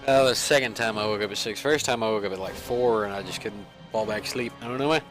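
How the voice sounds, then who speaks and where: A man's voice: lowish voice, quick pace, music in the background. A man giving rambling, self-mocking, casual commentary while he plays a video game. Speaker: let's play gamer.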